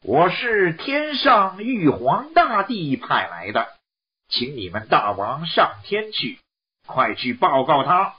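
A man's voice: fairly high pitch, big pitch swings, takes it slowly, slightly rough, exaggerated voice. A man voicing a polite, soothing old male immortal envoy in a read-aloud storybook. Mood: courteous. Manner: coaxing, courteous. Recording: dull lo-fi recording.

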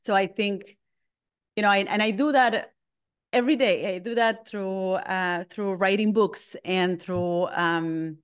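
A woman's voice: mid-range voice, steady tone, measured pace, clean tone. A middle-aged woman from Argentina with an Argentine Spanish accent, a native Spanish speaker, answering interview questions in a thoughtful way that restarts often. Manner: thoughtful, frequent restarts and ums. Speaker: guest, lettering artist.

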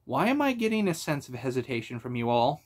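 Man reading as a brash young adventurer, wry, animated, audiobook, mid pitch. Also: quick pace. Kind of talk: audiobook character voice.

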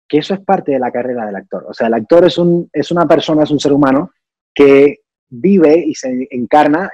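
A young man from Cuba speaks in a casual interview. His voice is dark and husky, and he explains his ideas thoughtfully, with many restarts. The sound is dry and a little dull. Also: mid-range voice, dry recording. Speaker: actor and singer, interview guest.

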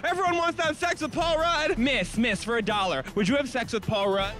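A man in his thirties hosting a street game show, loudly badgering passers-by outdoors on a busy city street into a handheld mic. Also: very high voice, brisk, soft background music. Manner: loud, frantic, badgering passers-by.

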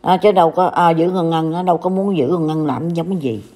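A woman's voice: sits low, brisk, mellow. An older woman from Vietnam with a Southern Vietnamese accent, scolding and warning in a casual online talk. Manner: scolding, reproachful. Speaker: commentator.

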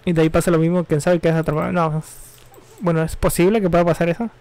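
Young male streamer, a touch high-pitched, loose and slangy, drifts between game and news. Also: little pitch movement, fast, darkish tone, no echo. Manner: rambling, offhand, slangy and self-correcting. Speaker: gaming streamer. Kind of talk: casual live-stream chat while gaming.

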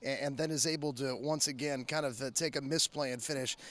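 A man's voice: medium pitch, steady tone, a little fast, fairly bright tone. A man in his thirties, a sports interviewer, asking long, detailed postgame questions on a floodlit field at night, with frequent "uh" fillers. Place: outdoor soccer field at night under floodlights. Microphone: handheld mic.

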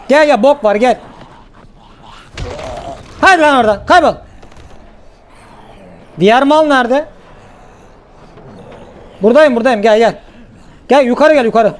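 A male gaming host gives casual let's-play commentary in a very high, excitable voice. He swears freely and yells at the game, and a faint hum of background noise sits under him.

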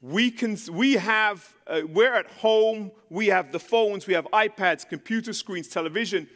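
Delivering a sermon from a church stage as a guest speaker, this Londoner speaks with a London English accent at a measured pace, his voice high and a bit bright. He's conversational and pokes fun at himself, with frequent ums, into a handheld mic amid the hall's long reverb.

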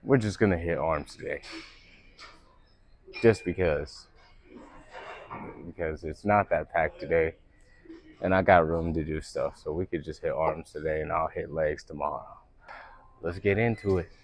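A man's voice: extremely low pitch, unhurried, long pauses. A young man vlogging his workout in a large gym, joking and swearing casually, recorded on an earbud mic. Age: young adult. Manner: joking, profane, laid-back. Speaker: fitness vlogger.

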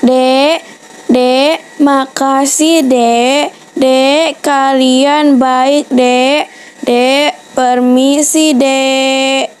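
A woman voicing a beggar in a toy-world game story, pleading slowly with drawn-out words. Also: sits high, fairly even intonation. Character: pitiful begging beggar woman, drawn-out pleas.

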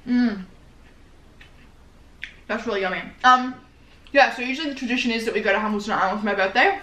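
Bright-voiced young Australian woman, mukbang chat. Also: fairly high pitch, fast. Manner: informal, slangy, rambling. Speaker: vlogger. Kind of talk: casual chatty mukbang vlog while eating. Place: small living room, indoors. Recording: roomy indoor echo.

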